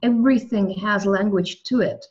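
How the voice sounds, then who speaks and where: The recording is muffled as a woman with Russian as her first language talks about the soul and language during a spiritual interview. She's a guest, thoughtful and prone to restarting, with a slightly mellow, medium-pitched voice at normal speed.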